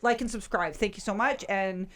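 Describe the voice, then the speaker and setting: A woman's voice: mid-range voice, moderate pace, a bit bright, slight background noise. A woman co-hosting a casual podcast in a basement studio, chatty and teasing, who laughs often. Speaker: podcast co-host.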